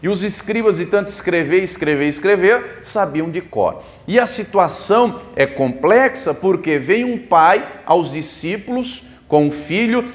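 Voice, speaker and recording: A man's voice: high voice, lively intonation, a little slow, hardly any pauses. A man preaching a sermon as a pastor, explaining the Bible with rhetorical questions at a church service. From Brazil.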